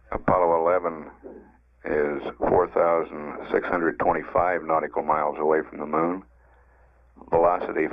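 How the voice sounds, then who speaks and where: An American man giving measured status announcements as a mission control announcer on an archival broadcast feed. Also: low-pitched, dry recording. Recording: dry, phone-like archival 1960s broadcast feed.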